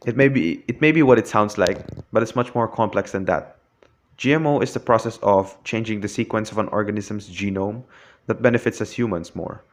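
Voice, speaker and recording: Hesitant young man giving a talk. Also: lowish voice. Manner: hesitant, frequent restarts and fillers. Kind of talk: prepared classroom talk.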